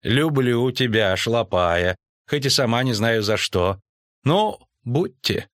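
A man's voice: mid-range voice, lively intonation, takes it slowly, fairly bright tone, dry recording, studio quality, pitched above the performer's own voice. Brief: male reader voicing an older priestess, stout and stern but caring, commanding tone. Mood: fond.

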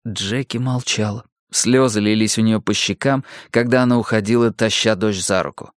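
A man narrating an audiobook in an even, measured reading voice. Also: on the low side, no room sound, studio quality.

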